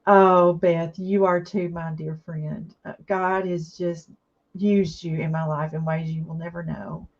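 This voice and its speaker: A woman's voice: lowish voice, little pitch movement, a little slow, muffled recording. A woman, teary and emotional, chatting with viewers and answering their comments during a craft live stream. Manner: warm, emotional, reads viewer comments aloud and answers them.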